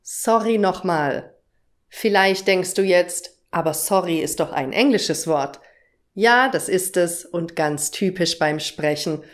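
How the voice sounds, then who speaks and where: Slow, clear-speaking woman teacher. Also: lowish voice. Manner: slow, clear explanatory delivery with example phrases. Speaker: German language teacher. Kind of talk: language lesson explaining phrases and pronunciation.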